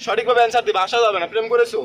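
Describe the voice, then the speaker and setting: A man's voice: extremely high pitch, little pitch movement, very fast, crowd noise. A man acting as a driving instructor in a car, bossy and scolding, repeating his instructions. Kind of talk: comic driving lesson skit. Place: in a moving car.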